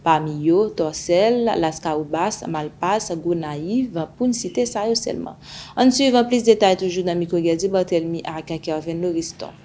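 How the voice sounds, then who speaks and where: Low-voiced woman reading the news. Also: normal speed, warm tone, a little hiss or hum. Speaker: news presenter.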